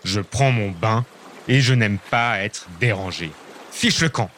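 A man voicing a gruff selfish giant. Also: fairly low pitch, slow, a bit bright, a little hiss or hum. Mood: grumpy. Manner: gruff and dismissive. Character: huge grumpy selfish male giant.

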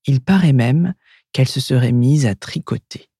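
A French woman reading a children's storybook aloud in a lively, expressive way. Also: a bass voice, moderate pace, over music.

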